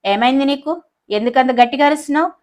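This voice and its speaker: A woman's voice: sits high, quick pace, close to an everyday voice. A woman playing a stern male professor. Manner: serious, questioning.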